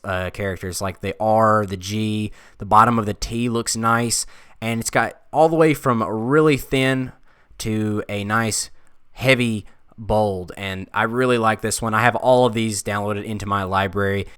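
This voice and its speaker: Smooth-voiced young man, casual. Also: lowish voice, a little slow, no room sound, clean studio sound. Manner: relaxed, thinking aloud with frequent uhs. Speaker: design video creator. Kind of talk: casual screen-recorded tutorial talk.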